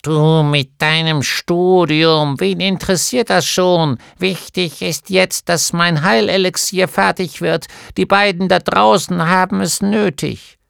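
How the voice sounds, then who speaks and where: A man's voice: sits high, steady tone, slow pace, gravelly, few pauses, a bit bright, smooth, no echo, clean studio sound, voice pushed up, full character voice. A man voicing a bossy old female gnome healer in an audiobook, with a scolding, nagging manner. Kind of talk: audiobook character voice.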